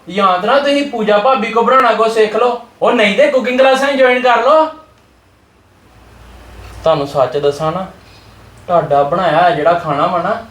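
A man with a high voice plays a cheeky brother-in-law in a home drama skit. He teases and mocks. The room echoes. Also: fairly bright tone. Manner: teasing, mocking. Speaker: actor playing a teasing brother-in-law. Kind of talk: family drama skit acting.

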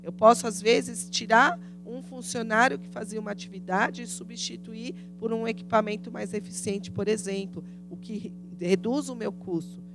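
A woman's voice: on the high side, steady tone, moderate pace, music in the background. A woman in her thirties with a Brazilian Portuguese accent gives a business lecture in a conference room, speaking into a handheld microphone and often asking rhetorical questions. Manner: didactic, asks rhetorical questions, frequent tag "né?". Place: conference room with audience, indoors.

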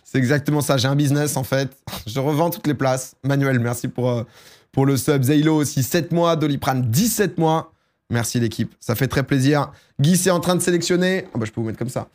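Talking fairly quickly, a sore-throated young man chats on a live stream with casual excitement. He repeatedly bursts out loud and high.

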